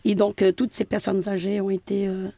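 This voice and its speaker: A woman's voice: medium pitch, flat delivery, brisk, gravelly, dark tone, dry recording. A middle-aged woman from Portugal, a building caretaker answering interview questions hesitantly with many fillers and restarts.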